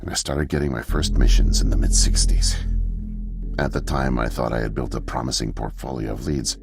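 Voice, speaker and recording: An actor playing a weak, weary old janitor who is secretly a spy, speaking slowly and low in a video game. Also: male voice, creaky. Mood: recounting. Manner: slow, low confessional delivery. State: weak and thirsty. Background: game music.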